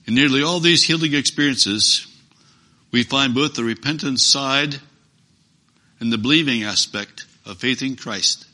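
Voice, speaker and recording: Male preacher, mid-pitched and piercingly bright, emphatic sermon delivery with repeated lines. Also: measured pace. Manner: earnest, emphatic, with repeated phrases for stress.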